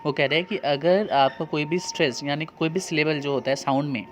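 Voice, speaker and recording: A man's voice: a little high, steady tone, a little fast, slight background noise. A male teacher with an Indian accent, explaining spelling rules to seventh graders, asking rhetorical questions and answering them himself.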